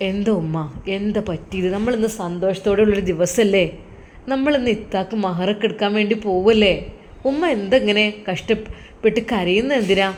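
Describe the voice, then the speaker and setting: This is a gentle, earnest grown son comforting his mother, in a Malappuram Malayalam accent, as a woman storyteller puts him on. He talks warmly and reassuringly. The pitch stays at a woman's usual middle. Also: normal speed, lightly acted.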